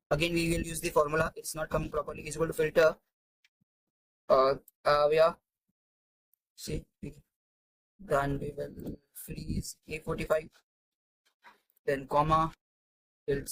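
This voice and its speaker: A man's voice: fairly high pitch, a little hiss or hum, low-quality recording. A man teaching a spreadsheet tutorial, thinking aloud with many fillers and restarts. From India. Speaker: Excel tutor. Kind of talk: screen-recorded spreadsheet tutorial.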